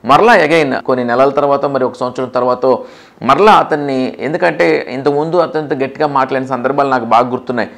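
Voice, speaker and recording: A man's voice: mid-range voice, a little fast, gravelly, a bit bright. A man speaking as a doctor, telling a patient's story in an earnest first-person way and repeating key points for emphasis.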